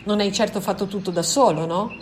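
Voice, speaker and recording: A woman's voice: mid-range voice, brisk, slight background noise, natural voice. Woman reading as an anxious, insistent man. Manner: pleading, insistent questions. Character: pleading, insistent young man, anxious and stubborn.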